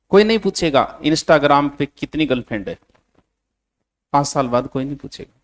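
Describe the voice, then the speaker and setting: डाँटते हुए पढ़ाने वाला राजस्थानी शिक्षक. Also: male voice, fairly high pitch. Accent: Rajasthani. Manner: scolding, lecturing students bluntly. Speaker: coaching teacher. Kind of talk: classroom lecture with dictation. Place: coaching classroom.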